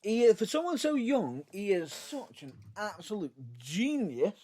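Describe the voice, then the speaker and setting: A man's voice: high voice, big pitch swings, a little slow, warm tone, breathy edge. A man co-hosting a podcast, laughing often and steering the talk onward. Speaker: podcast co-host. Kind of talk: casual chat.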